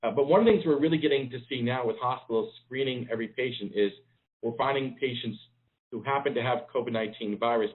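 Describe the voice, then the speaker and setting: A man, a public health official giving a briefing over a conference call phone line, measured and pausing with frequent ums. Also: mid-range voice. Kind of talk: press briefing.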